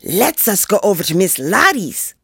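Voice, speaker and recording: A woman voicing a boisterous, scornful young boy who shouts more than he talks, in a storybook reading. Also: medium pitch, very animated, moderate pace, gravelly, breathy edge, no room sound, clean studio sound, pitched above the performer's own voice, exaggerated voice. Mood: eager.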